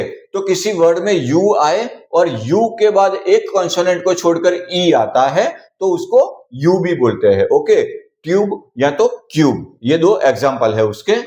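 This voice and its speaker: Man, English teacher, slightly high voice, drills example words, echoey room. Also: darkish tone. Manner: repeats example words slowly, asks and answers his own questions. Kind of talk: explaining pronunciation rules.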